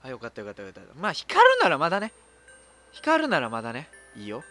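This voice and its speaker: A woman's voice: a bass voice, wildly swooping pitch, fast, fairly bright tone. A woman with a Kansai accent giving casual horror game commentary as a streamer, full of blunt, mouthy asides. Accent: Kansai Japanese. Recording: music behind the voice.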